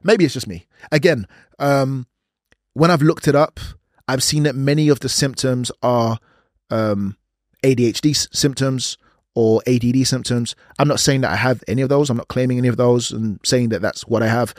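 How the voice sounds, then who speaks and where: A man's voice: mid-range voice, steady tone, normal speed, no echo, studio quality. A man hosting a casual solo podcast, rambling and self-deprecating, often laughing at himself. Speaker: podcast host.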